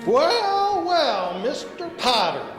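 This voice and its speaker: A man acting a forgetful, kindly old uncle in a stage radio play, with a stammering, scattered manner and a high, wavering voice. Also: big pitch swings, slow, music in the background, exaggerated voice. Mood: gleefully teasing. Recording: echoey hall, noisy and distant-sounding.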